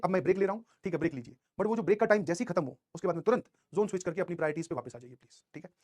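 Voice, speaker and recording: A young man teaching a class of exam students, telling a motivational story in an animated way, with English phrases mixed in. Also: high voice. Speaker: coaching teacher.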